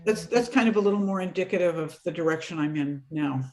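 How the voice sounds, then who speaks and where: On a video call, a guest vocalist with a light voice talks quickly in a lower register, keeping the casual interview lively. She's animated and enthusiastic and laughs a lot.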